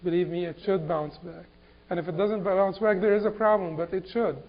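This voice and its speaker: Man from Egypt, Islamic lecture, high voice, halting, repeats words, dull lo-fi recording. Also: fairly even intonation.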